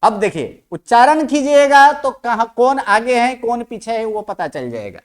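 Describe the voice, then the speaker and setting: Slow, clear-voiced teacher drilling sounds. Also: medium pitch, big pitch swings. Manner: slow, asks the class repeated questions; repeats each sound aloud to drill pronunciation. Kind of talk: online language lesson.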